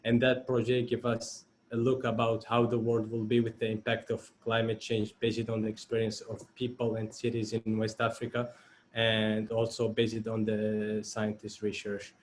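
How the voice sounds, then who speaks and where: A man in his twenties from Mauritania introducing himself on a video call, speaking slowly and carefully. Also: fairly low pitch, completely flat delivery, slight background noise. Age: 20s. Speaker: photographer speaker. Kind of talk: self-introduction.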